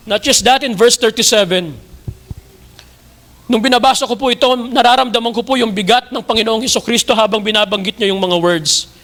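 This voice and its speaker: A man's voice: very high voice, bright, forceful tone. A young adult male pastor with a Filipino accent, preaching a sermon in rising, emphatic bursts.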